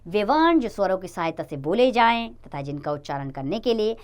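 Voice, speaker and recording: Lively woman teaching children. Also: mid-range voice, a little fast, smooth. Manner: addresses children, lively sing-song explaining. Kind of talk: children's grammar lesson.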